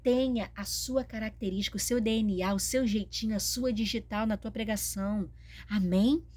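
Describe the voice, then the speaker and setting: A woman's voice: medium pitch, moderate pace, darkish tone. A woman with a Brazilian Portuguese accent, preaching and teaching in an emphatic, repetitive style. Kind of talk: sermon-style teaching video.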